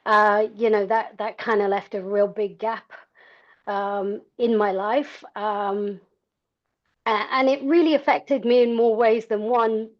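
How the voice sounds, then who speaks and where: A middle-aged South African woman, an endurance cyclist appearing as a podcast guest, tells her personal story in a frank, conversational and self-deprecating way. Her medium-pitched voice stays steady and unhurried, and the audio is dull and lo-fi.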